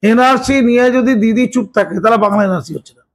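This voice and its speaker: A man's voice: extremely high pitch, fairly quick. A man, giving an emphatic, sarcastic political interview and repeating his points. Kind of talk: heated political interview talk.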